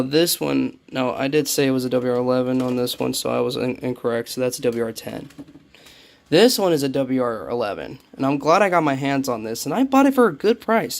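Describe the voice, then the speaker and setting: A young radio collector shows off his collection in a small, cluttered indoor room, rambling casually and correcting himself along the way. His voice is mid-range with vocal fry.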